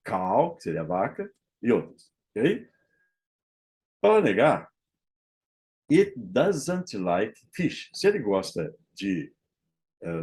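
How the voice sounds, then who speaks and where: Guy teaching english grammar, goes up and down a lot in pitch, takes it slow, keeps asking ok?. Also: a little mellow. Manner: checks understanding with frequent "ok?"; models English phrases slowly and deliberately. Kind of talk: explaining English grammar to Portuguese speakers.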